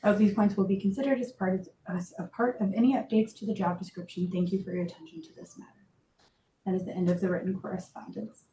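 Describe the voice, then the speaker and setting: A woman's voice: medium pitch, steady tone, quick pace. A woman working as a meeting clerk, speaking procedurally and reading documents aloud, in a roomy recording with faint noise. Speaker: meeting clerk or staff member.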